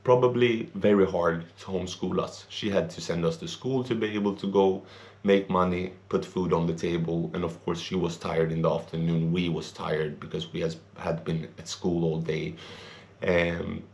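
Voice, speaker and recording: At a normal speed and in a steady tone, a young man with a low, slightly mellow voice gives his opinions in English on his vlog. Born and raised in Sweden, he's earnest and rambling, and his grammar is non-native.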